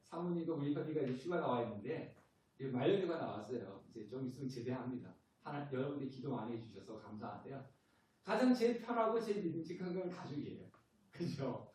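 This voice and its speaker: A man's voice: on the high side, darkish tone. A middle-aged man preaching a sermon as pastor, telling stories and acting out his church members. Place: church sanctuary. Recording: echoey church hall from far off.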